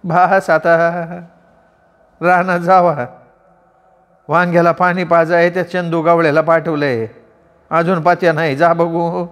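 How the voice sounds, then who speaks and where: A calm old village mother, as a man puts her on, gently advising. Her voice sits above his own. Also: a little high, unhurried, pauses often, in a large hall, pitched above the performer's own voice.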